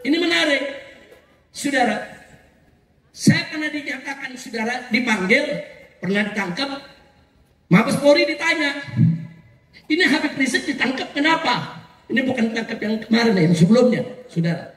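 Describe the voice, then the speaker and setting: High-pitched preacher shouting in a hall. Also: male voice, animated, normal speed, pauses often. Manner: shouting, rhetorical call-and-response questions. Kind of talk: fiery sermon to a crowd. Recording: echoey hall from far off.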